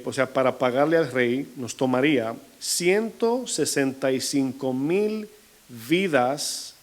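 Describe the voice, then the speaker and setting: A man preaching a sermon in Latin American Spanish as pastor, asking the congregation questions and slowing down to stress key points. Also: mid-range voice. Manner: shifting pace, slowing to stress figures.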